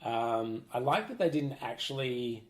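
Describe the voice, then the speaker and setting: A man co-hosting a casual film review chat, excitable and given to loud whoops. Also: mid-range voice, a little slow. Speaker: podcast co-host. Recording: echoey room.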